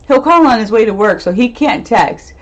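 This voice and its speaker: A woman doing a casual live-stream tarot reading, chatty, laughing often and trailing off into fillers. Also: fairly high pitch. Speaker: medium and tarot reader. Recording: dull lo-fi stream audio.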